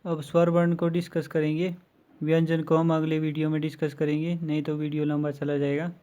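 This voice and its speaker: Mellow-voiced man teaching a grammar lesson. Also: fairly high pitch, monotone, lo-fi sound. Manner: slow, methodical listing with examples. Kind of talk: exam-prep grammar lesson.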